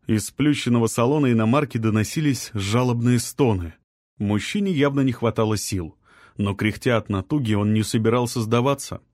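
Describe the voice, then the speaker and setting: A man narrating a story in a steady, tense storytelling delivery. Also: mid-range voice, dry recording, clean studio sound. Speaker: audiobook narrator. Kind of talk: scripted narration.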